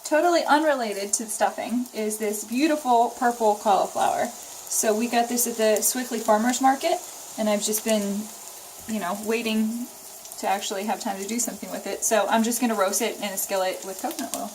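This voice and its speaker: A woman's voice: on the high side, fairly quick, darkish tone, rough recording. A woman giving a casual, chatty cooking demonstration, explaining each step as she goes. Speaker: home cook demonstrating a recipe. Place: home kitchen. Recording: sizzling pan noise behind the voice. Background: frying and stirring sounds.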